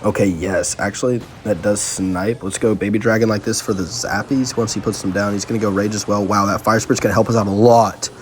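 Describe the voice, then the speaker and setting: A young man giving casual, excitable live commentary on his own gameplay, talking slangily to his viewers. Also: fairly low pitch, a little fast, hardly any pauses, a little hiss or hum. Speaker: gaming channel host. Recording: faint music underneath.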